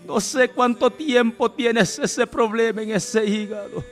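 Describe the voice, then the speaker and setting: Over background music, a preacher cries out a Pentecostal prayer for healing, pleading, exclaiming and praising again and again. His voice is very high, and he keeps a measured pace.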